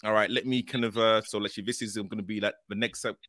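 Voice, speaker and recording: A man hosts a casual live show. His voice sits fairly low with a bright, forward edge and a dry sound. He circles back over his phrases and leans on fillers. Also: fairly even intonation, fast, dry recording. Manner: hesitant, repetitive, frequent filler phrases. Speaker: host.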